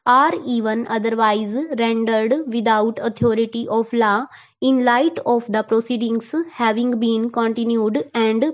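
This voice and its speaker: A woman reading a court judgment as steady shorthand dictation, saying each full stop and bracket aloud. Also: on the high side, highs cut off. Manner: measured, reads punctuation aloud. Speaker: dictation reader. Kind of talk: legal dictation at a set pace.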